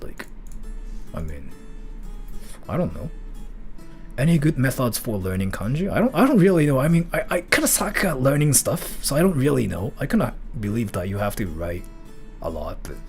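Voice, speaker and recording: A man's voice: medium pitch, big pitch swings, moderate pace, soft background music. A man from Japan livestreaming, chatting loosely and answering viewer questions, going back and forth between English and Japanese.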